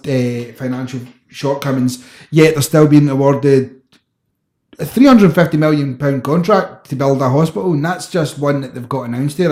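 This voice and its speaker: A man's voice: medium pitch, darkish tone. A man co-hosting a casual podcast chat, bantering and throwing in wisecracks. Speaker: podcast co-host. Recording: echoey room.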